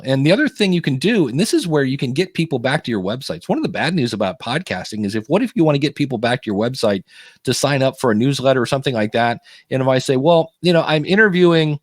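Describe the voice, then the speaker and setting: A man hosting a casual podcast chat as a podcast coach, talking in a lively way and acting out quotes in other voices. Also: mid-range voice, no room sound, clean studio sound. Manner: animated, acts out quotes in shifting voices.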